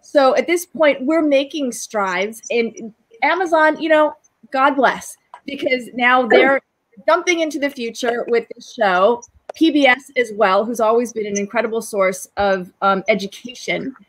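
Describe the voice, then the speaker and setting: A woman's voice: fairly high pitch, measured pace, poor audio. A woman guest on a panel over a video call, speaking from a room at home in an enthusiastic, persuasive way.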